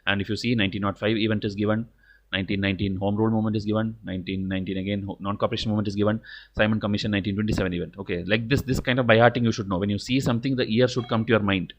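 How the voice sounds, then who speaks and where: Man, Indian accent, very quick pace, lowish voice, exam coach, blunt, didactic, informal lecture. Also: steady tone. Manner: repeats "okay" as a verbal tic.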